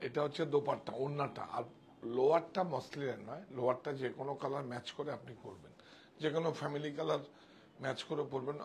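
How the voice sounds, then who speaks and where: A man's voice: medium pitch, slight background noise. Chatty man selling saris live. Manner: chatty, showing saris and directing helpers off to the side. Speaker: sari seller on a live sale. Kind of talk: live sales stream.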